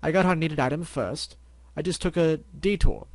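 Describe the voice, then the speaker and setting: A man's voice: a little high, normal speed, a little mellow, dry recording, pitched above the performer's own voice, close to an everyday voice. A man voicing a refined, dramatic female pony dressmaker in a storybook reading, flowery and theatrical, with a stuffy nose. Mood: placating. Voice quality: stuffy-nosed.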